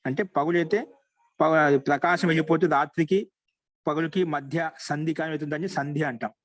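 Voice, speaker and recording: A man teaching Sanskrit grammar in an online class, explaining in short phrases and repeating each example slowly. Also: on the high side, fairly even intonation, no room sound, poor audio.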